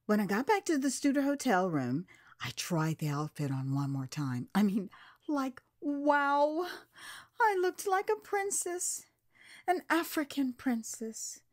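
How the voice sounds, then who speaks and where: An American woman reads her own memoir as an audio drama, her delivery theatrical and expressive as she savours each word. Her voice is high and her pace a little slow.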